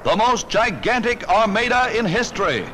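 A man's voice: sits high, animated, moderate pace, very noisy. A man narrating a 1940s newsreel in a rousing, emphatic announcer style, with the sound of an old newsreel. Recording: narration over loud orchestral music.

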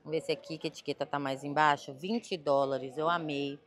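A woman's voice: low-pitched, fairly even intonation, fairly quick. Brazilian woman, travel vlogger, chatty and gushing, casual walk-and-talk delivery. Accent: Brazilian Portuguese. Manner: chatty, gushing, talks to viewers. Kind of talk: casual shopping vlog.

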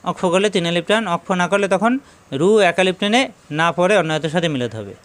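Man teaching recitation, smooth voice. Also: high-pitched, expressive, a bit bright. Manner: explains slowly, then recites verses in a drawn-out chant. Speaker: Quran teacher. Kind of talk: recitation lesson.

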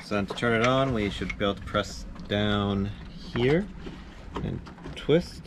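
A man in his thirties talking casually to the camera as a sailing vlogger, relaxed and chatty with small laughs, recorded aboard a small boat. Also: on the low side, measured pace, noisy background. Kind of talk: casual vlog narration. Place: small boat cabin and deck.

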